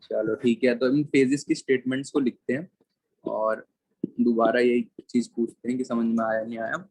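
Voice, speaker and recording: Man slowly dictating biology notes. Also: medium pitch, flat delivery, a little mellow. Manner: slow dictation, repeating terms word by word; mixes English terms into Hindi explanation. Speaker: biology teacher. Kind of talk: classroom lecture with board writing.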